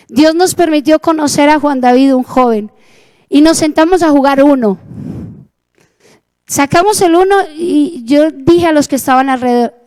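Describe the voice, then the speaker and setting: Slow high-voiced Colombian woman preaching. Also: mellow. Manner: earnest storytelling, acts out dialogue. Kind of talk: sermon testimony.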